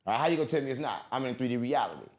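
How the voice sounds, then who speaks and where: Mid-range in pitch, very animated and very fast, this man is an interview guest. His conspiratorial monologue rambles, repeats, and hammers points home with profanity and street slang.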